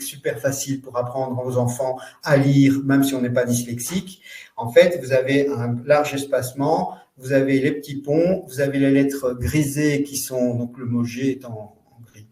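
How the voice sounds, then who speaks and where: A man presenting a live online training for parents, explaining in a loose, halting way full of fillers and restarts. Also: medium pitch, warm tone, far from the mic. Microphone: computer mic in a webinar. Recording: roomy echo.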